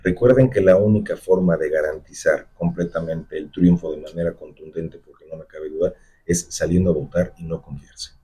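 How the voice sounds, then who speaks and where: Deep, dark-voiced Mexican man. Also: fairly even intonation, moderate pace, breathy edge. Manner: emphatic, campaign-speech delivery. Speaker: mayoral candidate. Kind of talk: radio interview answers. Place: radio studio. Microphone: desk microphone on stand.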